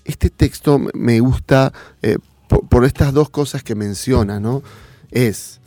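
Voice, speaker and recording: Slow, soft-spoken male host with a mellow, low voice, dry sound. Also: no room sound. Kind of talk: calm talk with a Bible reading.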